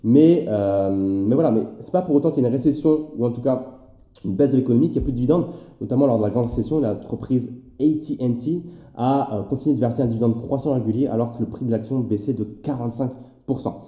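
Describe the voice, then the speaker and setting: A man's voice: medium pitch, quick pace, dark tone, roomy sound. A man explaining investing in a casual, chatty way, speaking directly to the viewer with many fillers. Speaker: finance YouTuber.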